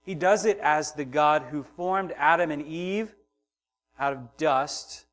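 A man's voice: a little high, slow pace, soft background music. Impassioned male preacher, rising and falling. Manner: builds from hushed to loud and emphatic, acts out voices. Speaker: pastor. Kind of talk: sermon.

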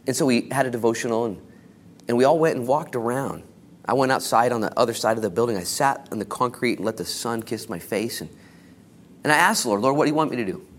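Man, American accent, informal evangelical preacher, mid-pitched voice, colloquial exhortation, hushed-to-emphatic dynamics, background noise. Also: quick pace. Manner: casual, colloquial, exhorting, with slangy asides and acted-out quotes. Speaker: pastor preaching.

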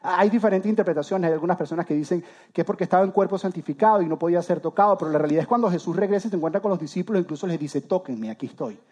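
Speaking very fast with few pauses, this man preaches as pastor in a high-sitting voice with a darkish tone. His delivery is conversational and aimed straight at the listeners, with frequent restarts and repeated words.

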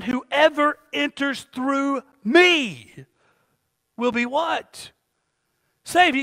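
In a church sanctuary, a pastor preaches to his congregation in call-and-response style, throwing out questions and lines for them to finish. His very high-pitched voice has a sharp tone and trails off into a long reverb.

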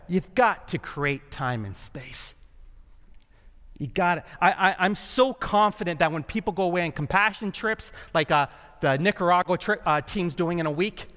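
A man delivers a sermon in an animated way, repeating his lines and acting out the voices he quotes. His voice sits high and sounds bright and forceful. A long hall reverb trails after every phrase. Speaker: pastor.

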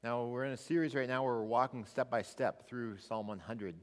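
A male pastor preaches at a pulpit microphone in a church sanctuary, and his voice rings with long hall reverb. He sits at a middle pitch and talks in a conversational way, often restarting his phrases. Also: fairly quick. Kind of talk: sermon.

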